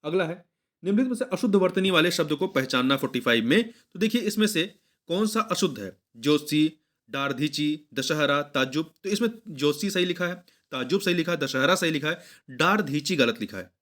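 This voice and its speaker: A man's voice: on the high side, animated, a little fast, a bit bright. A young man teaching exam preparation, going through test questions one by one, patiently repeating each answer and correcting himself mid-word. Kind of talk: explaining Hindi test answers.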